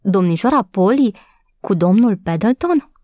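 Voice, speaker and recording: A woman voicing a grumpy, slow-speaking old stable hand, testy and dry, in an audiobook reading. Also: mid-range voice, lively intonation, warm tone, no room sound, natural voice. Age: older. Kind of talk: audiobook character voice.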